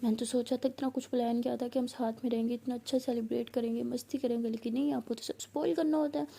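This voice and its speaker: A woman's voice: fairly high pitch, fairly even intonation, fast talker, creaky, breathy edge. A woman doing a hot-tempered scolding girlfriend. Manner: scolding, sharp-tongued.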